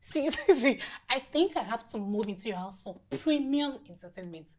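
A woman's voice: on the high side, animated, moderate pace, a little mellow, a little hiss or hum, close to an everyday voice. An actress playing a teasing, laughing young woman with a Nigerian English accent who mocks her friend. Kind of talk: film drama.

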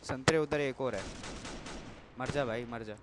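A young man streaming a shooter game live, shouting orders and cursing at his teammates in casual chat. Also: medium pitch, unhurried, noisy background. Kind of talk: excited live gameplay chat. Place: at a PC with game sounds. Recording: loud gunfire from the game.

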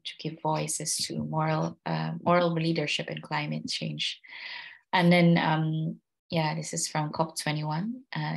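A woman's voice: low-pitched, creaky, poor audio. A woman presenting slides over a video call from a small room, talking with many fillers and restarts. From Philippines. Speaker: guest speaker. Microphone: laptop mic on video call.

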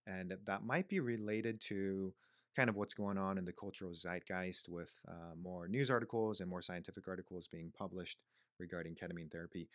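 A man in his thirties co-hosts a podcast from a small quiet room. His voice sits low, and he talks casually, running through items one by one. The sound is dry and close on a studio mic. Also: moderate pace, dry recording. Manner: relaxed, listing points with fillers. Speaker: podcast co-host, clinic owner. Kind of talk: casual explanatory podcast talk. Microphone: studio mic on stand, headphones.

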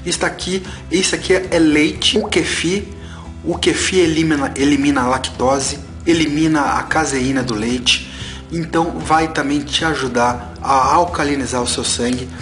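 With a fairly high, slightly bright voice and fairly even intonation, this man in his forties talks at normal speed while unboxing health products for his casual vlog. His health advice comes across as emphatic and preachy, with points repeated over faint background music.

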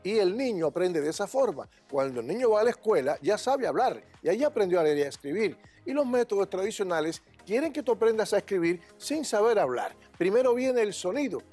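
Un hombre, director de una escuela de inglés, responde una entrevista de forma enfática y tajante, demostrando entonaciones en inglés. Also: male voice, sits high, very animated, a little fast, hardly any pauses, a little mellow, faint music behind. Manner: emphatic, opinionated, demonstrates English intonation. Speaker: English teacher and school director. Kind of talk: interview answers.

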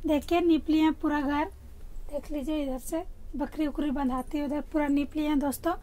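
A woman's voice: high-pitched, fairly even intonation, moderate pace, dark tone, slight background noise. A young woman chatting casually to her viewers in a home vlog, filming herself with a phone held at arm's length around her rural house and yard. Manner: chatty, addresses viewers often. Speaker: vlogger.

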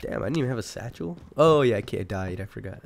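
A man doing laid-back, rambling commentary over his old gameplay while sick and clearing his throat. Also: medium pitch, expressive, fast talker. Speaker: gaming commentator.

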